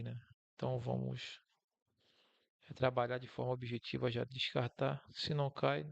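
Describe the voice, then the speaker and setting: Gravelly-voiced Brazilian man teaching. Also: medium pitch, no echo, lo-fi sound. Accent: Brazilian Portuguese. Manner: casual, encouraging, talks through slides. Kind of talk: online lesson with slides.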